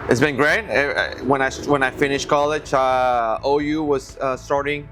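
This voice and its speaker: A man's voice: mid-range voice, fairly even intonation, a little slow, a bit bright, faint music behind. Man, easygoing podcast co-host. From Venezuela. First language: Spanish. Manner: friendly, easygoing, repeats words while thinking. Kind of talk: casual podcast chat.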